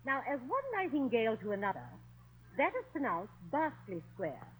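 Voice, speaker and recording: A woman's voice: fairly high pitch, very animated, moderate pace, breathy edge. A dry-witted English lady. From England. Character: sharp-witted English lady guest, unimpressed. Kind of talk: 1940s radio comedy acting. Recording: noisy old radio broadcast.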